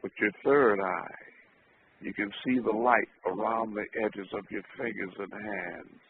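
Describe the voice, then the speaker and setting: A man leading a spiritual healing session as guided meditation with affirmations, slowly and deliberately instructing a group. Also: lowish voice. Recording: noisy, tinny phone-like audio.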